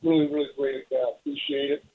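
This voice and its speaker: A male caller talking on a speakerphone, polite and halting with many fillers. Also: fairly high pitch, very animated, vocal fry, no echo. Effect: on speakerphone over a phone line. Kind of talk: call-in radio chat. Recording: tinny phone line, speakerphone.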